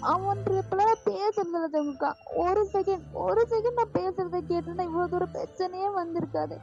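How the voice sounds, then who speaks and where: A heartbroken young man begs and pleads through tears, voiced by a woman in a fan audio story. The voice sits very high, and soft music plays under a dull, lo-fi recording. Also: brisk. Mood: pleading. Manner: tearful, begging, repeats his name. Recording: lo-fi voice with music behind.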